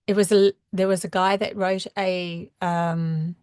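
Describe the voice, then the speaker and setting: A woman with a New Zealand accent giving a rambling live-stream spiritual talk, full of halting restarts. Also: on the low side, flat delivery, a little mellow, clear, resonant tone, no room sound, studio quality. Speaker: spiritual channeler.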